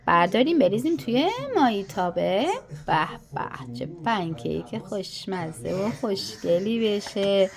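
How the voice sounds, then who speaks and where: A woman's voice: medium pitch, lively intonation, creaky, hardly any pauses. An older woman cooking pancakes with her granddaughter in a home kitchen, chatting and coaxing her in a doting way. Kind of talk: casual cooking vlog.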